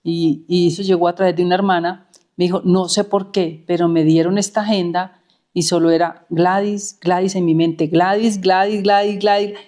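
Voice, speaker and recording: A woman's voice: lowish voice, fairly even intonation, normal speed, warm tone. A middle-aged woman, a therapist telling her own story in an anecdotal way and repeating words for emphasis. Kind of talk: personal storytelling.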